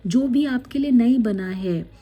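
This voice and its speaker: A woman tarot card reader, gently guiding viewers through a spiritual card reading, with many fillers. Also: fairly high pitch, expressive, slightly rough. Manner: slow, gentle guidance with many fillers, reading card messages aloud in English.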